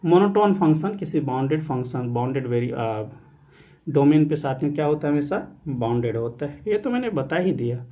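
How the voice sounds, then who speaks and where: A maths teacher gives an online exam-prep lecture on real analysis in Hindi, mixing in English math terms and repeatedly calling the students "saathiyon." He poses rhetorical questions and then answers them, speaking at a moderate pace in an animated, medium-pitched voice, with the highs cut off.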